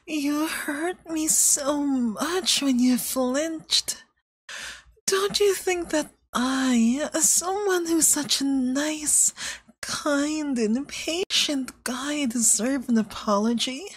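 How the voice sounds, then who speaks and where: Speaking very slowly in a high voice with no room sound, a woman portrays a femboy yandere boyfriend in ASMR, possessive and manipulative. She is breathy and sickly sweet, but the coaxing carries veiled menace, and the mood turns menacing and demanding.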